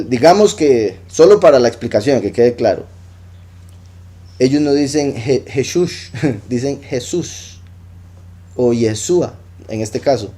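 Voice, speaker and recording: Mellow-voiced man teaching scripture. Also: medium pitch. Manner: explanatory, repeats key points, acts out quoted dialogue. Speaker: Bible teacher.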